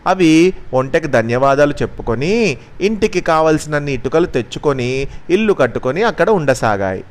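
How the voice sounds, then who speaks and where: A man narrating a children's story as a storyteller, expressive and gentle. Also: fairly high pitch, moderate pace.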